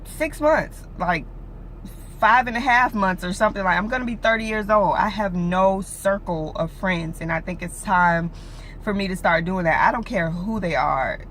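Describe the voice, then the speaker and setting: A woman's voice: medium pitch, normal speed, a bit bright, a little hiss or hum. A woman in her late twenties chatting casually in a vlog, rambling with many fillers like "like" and "you know", three weeks after giving birth. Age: late 20s. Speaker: vlogger.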